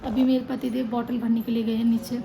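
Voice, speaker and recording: A young woman records a casual vlog at home, sounding worn out as she chats and grumbles. Her voice sits high with a gravelly edge, and the noisy home recording carries children's play and crying behind her. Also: level tone, quick pace. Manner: chatty, tired and complaining. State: tired. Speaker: vlogger. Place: indoors at home. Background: child crying and playing.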